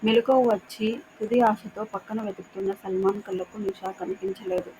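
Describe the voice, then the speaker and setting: A woman narrating a short story in a steady, measured reading voice. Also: mid-range voice, slight background noise.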